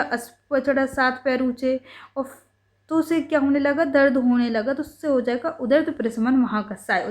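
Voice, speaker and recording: A young woman with a high, light voice teaches ayurveda. She turns each list into a playful little story, going over the lines again and again and correcting herself mid-word. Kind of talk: mnemonic lesson explanation.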